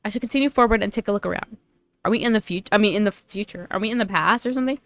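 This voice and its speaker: A young woman streams a story game with casual, slangy commentary, playfully teasing and reading dialogue aloud. Her mid-range voice comes rapid-fire with a fairly bright tone, and there's no echo.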